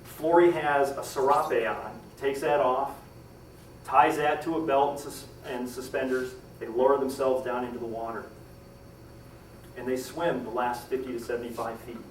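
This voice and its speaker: A man tells a historical story to a live audience at a normal speed with fairly even intonation, though he acts out the characters' lines dramatically, raising his pitch and volume. The recording has an echoey room, a distant mic, faint ambience and slight background noise.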